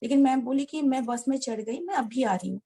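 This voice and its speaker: A woman telling a personal story to a devotional gathering, earnest and halting, often addressing her listeners directly. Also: high voice, warm tone, breathy edge. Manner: many restarts and hesitations. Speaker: devotee sharing a personal experience. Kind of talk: heartfelt personal storytelling to an audience.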